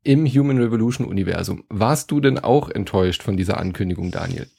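A man's voice: lowish voice, lively intonation, fast talker, gravelly, darkish tone, husky. A man hosting a podcast and moderating in a casual, chatty way. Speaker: podcast host.

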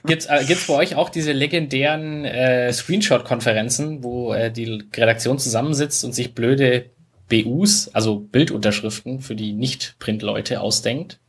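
A man with a slightly husky voice hosts a relaxed gaming podcast. He talks in an easygoing, rambling way, pausing on fillers as he works through his thoughts. His pitch sits in an ordinary middle range. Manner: easygoing, chatty, halting with fillers. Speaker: podcast host. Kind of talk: casual podcast chat.

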